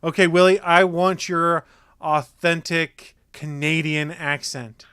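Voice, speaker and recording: Teasing man with a higher voice. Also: steady tone, takes it slowly, pushed and bright, smooth, no echo, clean studio sound. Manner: teasing, laughing, steers the talk. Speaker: podcast host. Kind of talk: casual podcast banter.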